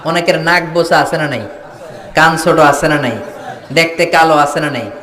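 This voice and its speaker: A man preaching a sermon to a crowd, shouting some lines and dropping low on others, and firing back questions for the listeners to answer. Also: fairly quick, reverberant. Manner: rousing, call-and-response questions, swings between shouting and low asides. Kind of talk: Bangla waz sermon to a crowd.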